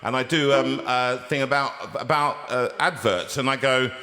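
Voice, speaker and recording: An older British man hosting a casual, chatty interview in a lively, jokey, rambling way. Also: medium pitch, normal speed. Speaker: show host.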